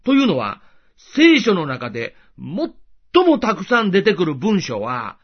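A man giving a scripted devotional talk as a host, explaining in a gentle, patient way. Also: high-pitched, wildly swooping pitch, unhurried, breathy edge, muffled recording.

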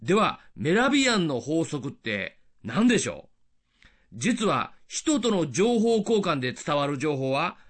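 Lively older male radio preacher, high voice. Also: unhurried, breathy edge. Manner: lively, explanatory with rhetorical questions. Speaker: radio evangelist. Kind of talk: radio sermon.

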